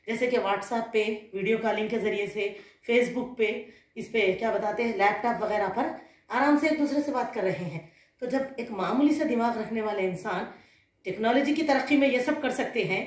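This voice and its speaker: A woman's voice: a little high, a little mellow. A woman religious scholar giving an earnest sermon to women, often putting questions to her listeners. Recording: roomy echo.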